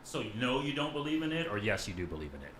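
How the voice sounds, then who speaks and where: A man's voice: medium pitch, big pitch swings, fast, a bit bright, slight background noise. A man hosting a casual panel podcast, asking his guests questions and often checking in with "right?" and "okay.". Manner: conversational, asks questions, frequent "right?" and "okay". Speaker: podcast host.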